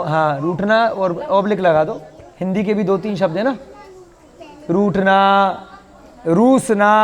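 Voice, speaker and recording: High-voiced teacher in a reverberant room. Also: male voice. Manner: patient, explains with questions and playful asides. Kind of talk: online language class.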